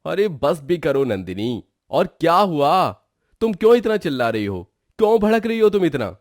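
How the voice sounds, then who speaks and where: A man voicing an exasperated young husband in a cartoon story, with a lively, rising and falling delivery. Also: fairly high pitch, moderate pace, dry recording, studio quality.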